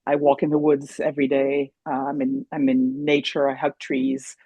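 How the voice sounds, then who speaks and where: A woman in her sixties, a native German speaker raised in France, tells stories animatedly as a podcast guest, restarting herself often. Her rumbling low voice is warm and husky yet completely flat in delivery, at normal speed, in a dry recording.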